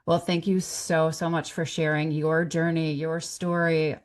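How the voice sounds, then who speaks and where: Low-voiced enthusiastic woman host. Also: flat delivery, unhurried. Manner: enthusiastic and chatty. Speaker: podcast host. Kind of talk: casual interview talk.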